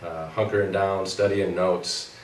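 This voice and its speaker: A man's voice: low-pitched, level tone, unhurried. A young man in his twenties, nasal and congested from a cold with a scratchy throat, casually recapping his week of physical therapy school as co-host. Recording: roomy, far from the mic, faint noise.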